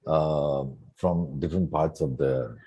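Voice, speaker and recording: A man in his sixties from Singapore, a retired coach reflecting in an interview with many soft fillers. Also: extremely low pitch, steady tone, slow pace, slightly rough, dull audio. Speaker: guest coach. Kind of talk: relaxed interview conversation.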